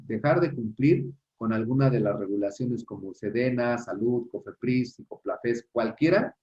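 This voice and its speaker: A man's voice: mid-range voice, a little mellow, muffled recording. A man with a Mexican accent giving a recorded course lecture on customs rules, talking to his audience conversationally and tagging points with a questioning "no?". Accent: Mexican Spanish. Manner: addresses the audience directly, repeats points for emphasis.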